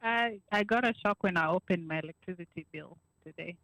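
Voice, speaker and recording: A woman's voice: lowish voice, fairly quick, fairly bright tone, no echo, low-quality recording. Woman caller on a breaking-up call. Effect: on a call, line breaking up. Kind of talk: casual call-in chat.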